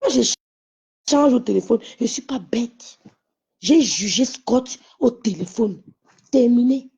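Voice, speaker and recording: A woman ranting mockingly in a casual social media live, with slangy, animated outbursts. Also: a little high, takes it slowly, creaky, breathy edge. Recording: muffled lo-fi sound.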